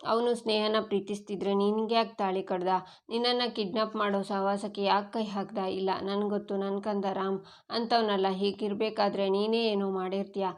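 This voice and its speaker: A woman voicing a stern, doting mother-in-law in a story recap, slow and questioning. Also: mid-range voice, little pitch movement, natural voice.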